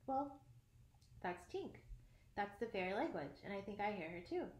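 Storybook boy, boastful, bright, lively and a bit impatient, a woman reading him, roomy echo. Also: mid-range voice, moderate pace, natural voice. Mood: matter-of-fact. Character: cheerful boastful boy who never grows up.

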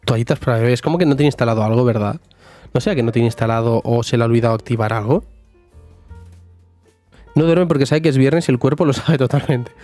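A man's voice: medium pitch, quick pace, long pauses, mellow, soft background music. A man streaming a life-sim game live, chatting jokily with viewers and talking to his character. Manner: chatty, jokey, talks to chat and to the sim. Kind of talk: casual live gameplay chat.

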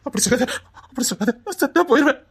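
A woman plays a desperate, tender husband in a tearful melodrama, with a Tirunelveli Tamil accent. The voice is husky and pitched high, and the words rush out in stammered, repeated reassurances. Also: animated, racing, full character voice. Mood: pleading, desperate.

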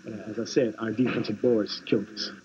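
A young college basketball player in his twenties giving an excited postgame interview, stumbling over repeated words. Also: lowish voice, a little fast, a little hiss or hum. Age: 20s. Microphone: handheld reporter mics. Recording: lo-fi 1990s TV clip with crowd.

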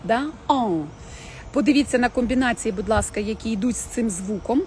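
A woman's voice: on the high side, slight background noise. Chatty woman teaching French live. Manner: chatty, addresses viewers directly, models French words slowly. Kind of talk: casual live-stream lesson. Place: home, in the evening.

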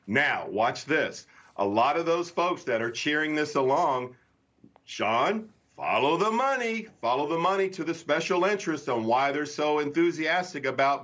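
A man's voice: medium pitch, fairly bright tone. Emphatic man on a dull news feed. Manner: emphatic, repeats the host's name often. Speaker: political commentator guest. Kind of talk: cable news interview.

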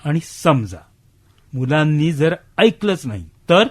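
An actor playing an elderly man who insists his son cares for him, talking defensively and dropping low and soft when he hedges. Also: very animated, takes it slowly, exaggerated voice. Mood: curious. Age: older. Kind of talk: radio drama acting.

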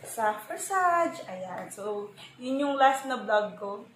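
A woman's voice: a little high, big pitch swings, slow, a bit bright. A young Filipino woman, a full-time mom, chatting casually in a home vlog with many fillers. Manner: chatty, hesitant with many fillers, switching to sing-song baby talk. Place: room at home with a baby. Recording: echoey room, faint background noise.

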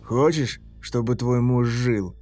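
A man's voice: medium pitch, slow pace, a little mellow, close to an everyday voice. A man voicing a cruel, playful male killer who taunts his victims in a sneering, mocking way, with faint music behind. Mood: taunting.

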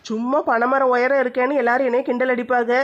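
A woman's voice: high-pitched, level tone, fast talker, dull audio, natural voice. A woman playing a tall, bossy, newly married village woman in a comic skit, teasing and coaxing.

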